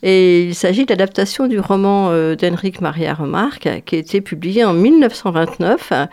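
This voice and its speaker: A woman's voice: on the low side, normal speed, darkish tone. A woman giving a film column on a radio show in a studio, chatty and hesitant, with many fillers.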